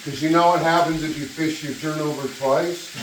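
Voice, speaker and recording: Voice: medium pitch, steady tone, normal speed. A giggly, tipsy-sounding cooking host rambling casually to camera, exclamatory and free with swearing. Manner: profane, exclamatory. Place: roomy kitchen. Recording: echoey, distant mic, loud sizzle noise. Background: frying sizzle and stirring.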